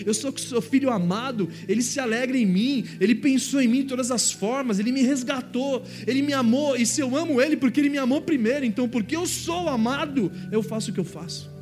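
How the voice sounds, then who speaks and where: A man from Brazil preaching a sermon as pastor, conversational and animated, with lots of playful mimicry. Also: extremely high pitch. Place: church stage.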